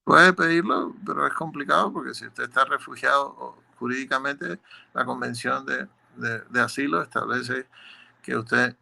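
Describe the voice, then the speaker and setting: A man's voice: mid-range voice, normal speed, creaky, sharp tone. A man working as an immigration lawyer, answering legal questions in a methodical, explanatory way, often repeating words as he searches for the next one.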